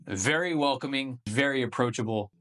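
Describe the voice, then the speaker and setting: A man's voice: medium pitch, moderate pace, fairly bright tone. A man hosting a casual beer-tasting review video, talking in a laid-back, profane, slangy way.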